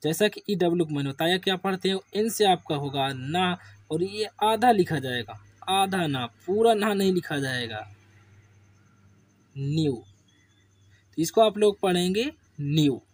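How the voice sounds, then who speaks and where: A man teaching English spelling to beginners, drilling words slowly with repeated questions and answers. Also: high voice, lively intonation. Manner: slow, repetitive call-and-response drilling. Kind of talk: classroom lesson for beginners.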